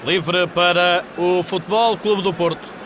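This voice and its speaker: A man with a European Portuguese accent giving live football match commentary in measured, descriptive phrases. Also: high voice, steady tone. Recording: 1980s TV broadcast, loud stadium crowd noise. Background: football stadium crowd.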